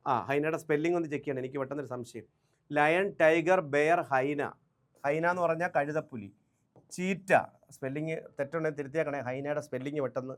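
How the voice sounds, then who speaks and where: A man teaching English grammar to exam candidates in a Malayalam online lesson, reading out word lists, asking the class quick questions and speaking English with a Malayali accent. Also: on the high side, steady tone. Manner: drills words aloud in lists, asks the class quick questions.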